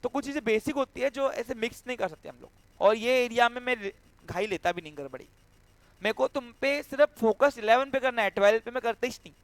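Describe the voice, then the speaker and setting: A man with a very high-pitched, brisk voice gives an accountancy classroom lecture, explaining entries step by step and checking often that students follow. He acts out a cash handover with a student, and there's no room sound.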